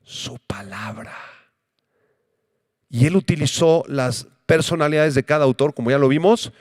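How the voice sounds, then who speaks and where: A man preaching a Bible-teaching sermon as pastor, asking rhetorical questions and answering them himself, and slowing down to repeat key words. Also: on the high side, darkish tone, no echo, clean studio sound. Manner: emphatic, repeats key words slowly for note-taking.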